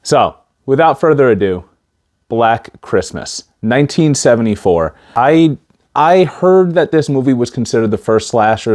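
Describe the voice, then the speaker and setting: Male movie-review vlogger, lower register, casual and halting, stiff-mouthed after wisdom teeth surgery. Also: darkish tone. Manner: stiff-mouthed speech after wisdom teeth removal, limited facial mobility. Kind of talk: casual talk to camera.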